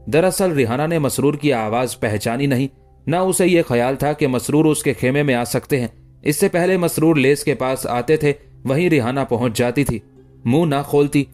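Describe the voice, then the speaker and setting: A man narrating a historical story in a measured, expressive storytelling manner. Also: mid-range voice. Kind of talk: scripted narration.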